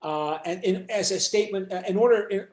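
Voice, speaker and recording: High-voiced lecturing man, halting. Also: roomy sound. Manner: halting, many fillers and restarts. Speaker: university instructor. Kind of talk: lecturing in online class. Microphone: video call.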